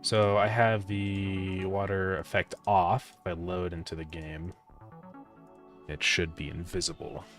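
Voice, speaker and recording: A man developing a game on a live stream, thinking aloud in a relaxed way and answering chat with fillers. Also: deep voice, measured pace, faint music behind. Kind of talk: casual live-stream chat while coding.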